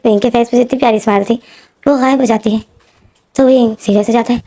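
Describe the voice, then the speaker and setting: Woman telling a fan story casually, kinda high voice, mellow, keeps stringing lines together. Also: quick pace. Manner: steady, repetitive storytelling with frequent linking words. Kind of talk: casual retelling of fan fiction.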